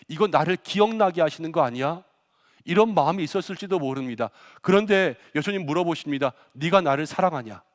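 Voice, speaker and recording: A male pastor preaching a Good Friday sermon, acting out quoted lines with rising force. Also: on the high side. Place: church sanctuary. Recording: long church reverb.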